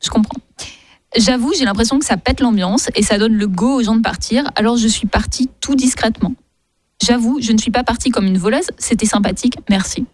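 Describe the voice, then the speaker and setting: A woman's voice: fairly high pitch, brisk, darkish tone. A woman co-hosts a radio chat show in a light, amused way. She reads listener messages and banters with her co-hosts. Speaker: radio co-host.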